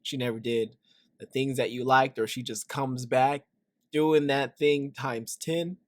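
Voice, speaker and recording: A man riffing on a clip he is reacting to, in a middle-pitched voice that sits right up at the mic with no room around it. He jokes and confides, tossing "right?" at his listeners as he goes. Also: fairly even intonation, a little slow, no echo. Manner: joking, confiding asides, frequent "right?". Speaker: reaction video host. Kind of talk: casual reaction commentary.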